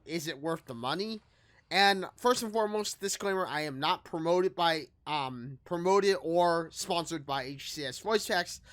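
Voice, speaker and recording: Here the gaming host's mid-range voice has a fairly bright tone on a dry recording, with background music underneath. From a small room at home, he delivers casual, lightly scripted review commentary that rambles and frequently repeats or rephrases.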